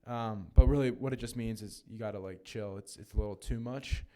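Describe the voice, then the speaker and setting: A man's voice: fairly low pitch, a little fast, dark tone. A young man from the northeastern United States co-hosting a podcast in casual chat, rambling and self-deprecating with lots of fillers. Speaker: podcast co-host.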